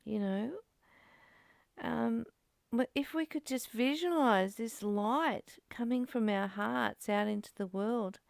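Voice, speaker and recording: Leading a casual spiritual study discussion, a woman speaks slowly and earnestly, asking rhetorical questions as she teaches. Her fairly high, creaky voice comes through at studio quality with no room sound.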